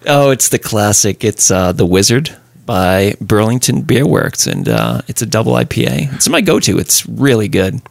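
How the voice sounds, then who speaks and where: A man's voice: on the low side, sing-song, moderate pace, vocal fry, hardly any pauses, no room sound, clean studio sound. A man hosting a podcast, chatting in an easygoing, storytelling way. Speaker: podcast host. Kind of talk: casual podcast chat.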